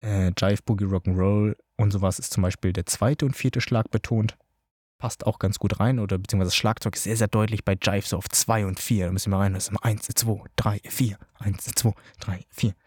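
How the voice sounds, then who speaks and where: Casual male dance instructor, chatty, mellow lower voice, talks straight to camera. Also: fairly even intonation, quick pace, no echo, studio quality. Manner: chatty, filler-heavy, addresses listeners directly. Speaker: dance teacher. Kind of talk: informal spoken tutorial.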